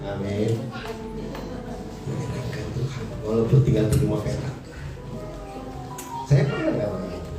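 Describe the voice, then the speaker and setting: A male preacher, giving a lively sermon and acting out characters in slangy voices. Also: on the low side, unhurried, pauses often. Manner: animated, acts out characters in slangy voices, laughs often. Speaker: evangelist preacher. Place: church hall. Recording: echoey church hall, voice from far off, music behind.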